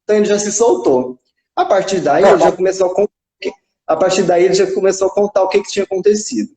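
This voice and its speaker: A young man with a fairly high, mellow voice recounts a therapy session over a live stream. He slips into the quoted lines as he goes, and his phone sound carries the echo of the room around him. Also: fast. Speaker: psychodrama psychologist. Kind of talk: casual storytelling in a live chat. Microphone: phone on a live video stream. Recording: echoey room.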